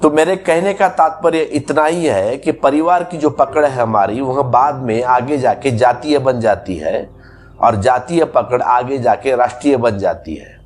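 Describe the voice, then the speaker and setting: A man's voice: medium pitch, measured pace, faint music behind. A man giving a spiritual discourse as a teacher, explaining patiently through repeated everyday examples.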